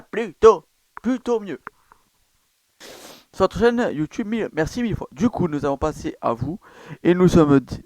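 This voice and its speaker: A man's voice: on the high side, no echo. A man casually walking viewers through a gaming site, rambling with many fillers and self-corrections. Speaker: gaming YouTuber. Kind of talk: casual screen-recorded walkthrough.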